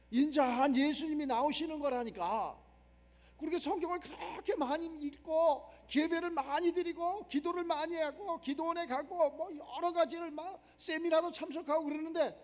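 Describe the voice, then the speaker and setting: A man's voice: very high-pitched, a little mellow. A man preaching a sermon as pastor, emphatic and repetitive, with many rhetorical questions. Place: church sanctuary. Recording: long reverb of a church hall.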